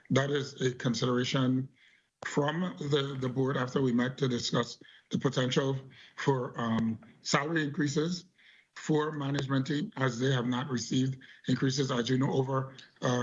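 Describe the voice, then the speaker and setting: A husky-voiced man giving measured answers as an elections board official at a government hearing. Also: medium pitch. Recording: dull lo-fi audio.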